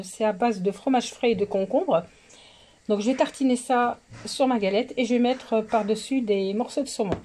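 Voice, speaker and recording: A woman with a sore, hoarse throat talks casually through dishes she made and where she bought her table decor. Her voice sits a little high but sounds mellow and husky. She pauses often and fills gaps with hesitant little sounds. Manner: chatty, hesitant with many fillers. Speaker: home cooking vlogger. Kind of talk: casual cooking and decor walkthrough.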